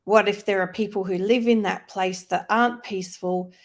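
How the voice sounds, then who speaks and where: A woman's voice: medium pitch, steady tone, normal speed. A woman co-hosting a live online discussion, speaking in a reflective, explanatory, conversational way. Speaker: co-host of a live faith-based wellness discussion. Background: plane passing loudly overhead.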